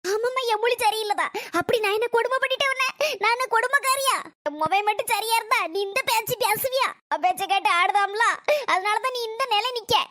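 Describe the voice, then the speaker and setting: A woman's voice: extremely high pitch, fast talker, bright, forceful tone, no echo. A woman playing a bitter, quarrelsome old mother-in-law in a family skit, sarcastic and nagging. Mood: aggrieved. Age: older.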